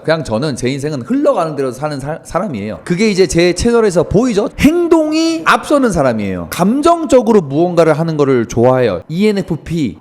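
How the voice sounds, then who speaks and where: Male comedian, crude rapid-fire storytelling, lively and bright-pitched. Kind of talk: comedic monologue.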